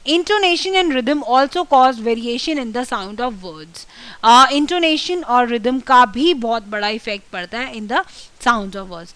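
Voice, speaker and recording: A woman, an English communication trainer giving a classroom lecture and saying example words slowly and carefully. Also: high-pitched, bright, forceful tone, clear, resonant tone, no room sound. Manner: explains in mixed Hindi and English, slow careful example words.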